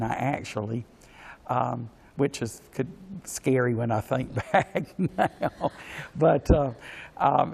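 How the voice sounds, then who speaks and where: Halting man in his sixties. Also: medium pitch, creaky, darkish tone. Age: 60s. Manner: halting and hesitant, with many pauses and repeated words. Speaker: interview guest, pageant organization official. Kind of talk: polite spoken interview answers.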